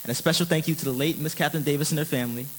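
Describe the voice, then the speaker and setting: A man's voice: fairly high pitch, fairly even intonation, rapid-fire, slight background noise, rough recording. A man reading out a formal list of thanks and acknowledgments as a student presenter.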